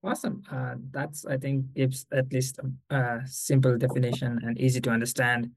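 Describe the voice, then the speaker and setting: A man's voice: medium pitch, level tone, normal speed, no echo, rough recording. Polite young male podcast co-host. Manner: polite, formal questions. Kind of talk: interviewer.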